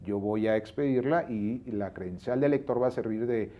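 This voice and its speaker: A man's voice: lowish voice, normal speed, dull audio. A Mexican man speaking as a guest on a talk show, explaining at length and citing laws, years and figures.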